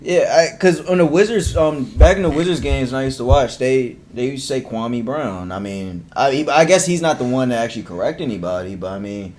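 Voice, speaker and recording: A man from Virginia talks sports on a podcast at an everyday middle pitch. His speech is loose and rambling, full of fillers and quick restarts, in an easygoing back-and-forth with his co-host. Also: animated, darkish tone, slight background noise. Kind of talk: casual sports chat.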